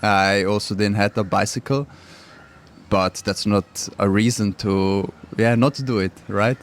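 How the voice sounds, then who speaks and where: A young man from Switzerland with a Croatian family background, whose first language isn't English, is interviewed on radio as a guest cyclist. He's relaxed, laughs often, and uses simple non-native phrasing. His voice is on the low side and unhurried, with slight background noise.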